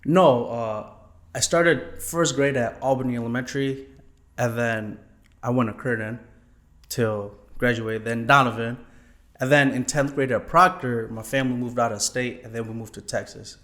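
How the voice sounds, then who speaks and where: A man's voice: mid-range voice, fairly even intonation, moderate pace, fairly bright tone. A young man from Thailand answering interview questions politely, often saying yes sir and um. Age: young adult. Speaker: guest, former college student.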